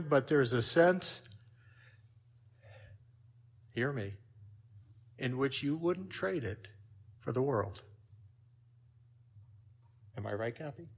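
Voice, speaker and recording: A man's voice: fairly high pitch, slow pace, pauses often. Older man preaching a personal story. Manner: personal storytelling, lively swings in loudness. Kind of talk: sermon.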